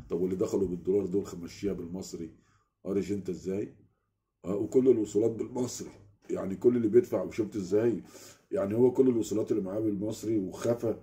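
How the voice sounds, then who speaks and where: A man with an Egyptian accent telling a story in a casual rant, keeps asking the listener whether they follow, speaking from a small room at home. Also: deep voice. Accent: Egyptian Arabic. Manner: animated, keeps asking the listener "you get it?". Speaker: vlogger.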